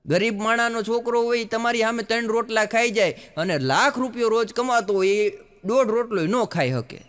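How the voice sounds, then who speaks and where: A man's voice: very high-pitched, normal speed, a bit bright, smooth, big-room sound. A man doing stand-up, telling folksy stories and acting out the dialogue. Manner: folksy storytelling, acts out dialogue. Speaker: stand-up comedian. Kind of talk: live stand-up storytelling.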